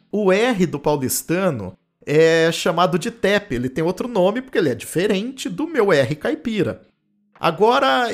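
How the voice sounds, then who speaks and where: A linguistics professor from Campinas, in the interior of São Paulo state, Brazil, explains ideas in a podcast lecture recorded in his home office. He has a Campinas accent with the retroflex caipira R and often adds "né?" tags. His voice sits high.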